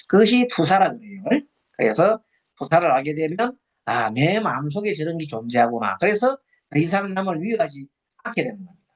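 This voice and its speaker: A meditation lecturer who teaches by asking listeners rhetorical questions and repeating phrases, and who gives slow, drawn-out breathing cues. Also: mid-range voice.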